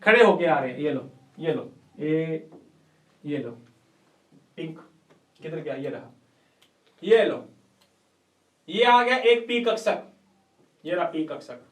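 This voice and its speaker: A man with a fairly high, animated voice speaks slowly and pauses often. He's a chemistry teacher running an online lecture, playful and coaxing, testing students with rhetorical questions, dropping folksy sayings and calling them "beta ji." The room echoes and the mic sits far away.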